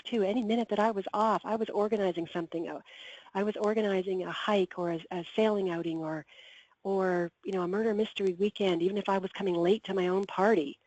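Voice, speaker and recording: A woman's voice: on the low side, a little mellow, no echo. Woman running a team training call, upbeat and coachy, voice a bit worn, dull dry audio. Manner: upbeat, coaching, quick asides. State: losing her voice.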